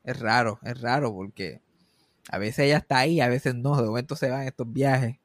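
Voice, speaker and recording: A man's voice: medium pitch, moderate pace, no room sound, studio quality. A young man telling a funny family story in casual chat, swearing freely and slipping English phrases in.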